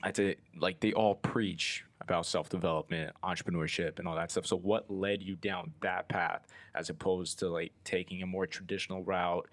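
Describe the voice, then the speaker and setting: A man's voice: deep voice, dry recording. A man in his twenties hosting a podcast in casual interview chat, loose and rambling with lots of filler words. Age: 20s. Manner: loose and rambling, heavy on "like" and "you know". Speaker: podcast host.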